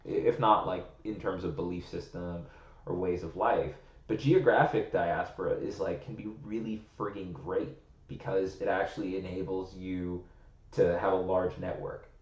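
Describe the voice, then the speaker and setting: A young American podcast co-host with a low voice talks at normal speed with fairly even intonation. He rambles and thinks aloud in casual chat, leaning hard on "like," in a roomy, slightly muffled recording.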